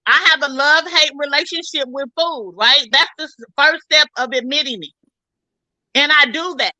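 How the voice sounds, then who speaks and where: A woman talking bluntly and loudly in a casual podcast chat, full of slang. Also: high-pitched, normal speed, no echo, poor audio. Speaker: panelist.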